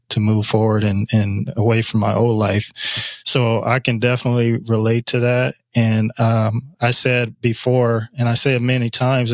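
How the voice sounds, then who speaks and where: A male host leads a sincere, reflective interview and speaks in a steady, level voice with little rise and fall. The recording is close and dry, with almost no room sound. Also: fairly low pitch, no echo. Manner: earnest, reflective, sincere questioning. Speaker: podcast host, veteran. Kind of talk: interview conversation.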